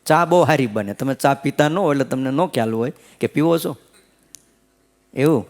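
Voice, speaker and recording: A man's voice: medium pitch, moderate pace. Folksy preaching man. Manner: asks the listeners short rhetorical checks; folksy, lively storytelling. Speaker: swami giving a scripture discourse. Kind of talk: sermon storytelling.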